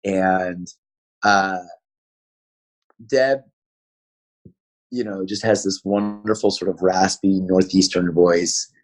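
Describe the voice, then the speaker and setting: Man, 40s, New York accent, husky low voice, quick animated storyteller. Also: rough recording. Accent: New York City. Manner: fast-talking, animated storyteller. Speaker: school founder and principal. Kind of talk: podcast interview storytelling.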